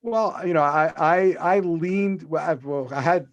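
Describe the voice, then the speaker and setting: A man's voice: a little high, measured pace, no echo, lo-fi sound. A middle-aged man, a guest on a video-call interview, telling long stories with fillers and restarts. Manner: rambling storyteller with restarts and fillers. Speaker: podcast guest, author.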